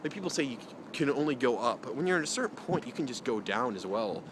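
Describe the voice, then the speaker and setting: A young man talks outdoors, meandering from thought to thought with lots of fillers and self-deprecating asides. His voice sits at an ordinary middle pitch. Loud wind roars over the mic the whole time. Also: sing-song, quick pace. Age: young adult. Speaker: vlogger. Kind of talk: rambling outdoor vlog. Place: outdoors in strong cold wind. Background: heavy wind noise.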